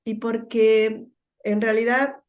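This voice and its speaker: A middle-aged woman with a Rioplatense Spanish accent, a guest telling her story in a thoughtful interview, often pausing and repeating words as she searches for them. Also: a little high, flat delivery. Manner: thoughtful, with many fillers and repetitions. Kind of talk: reflective conversational interview.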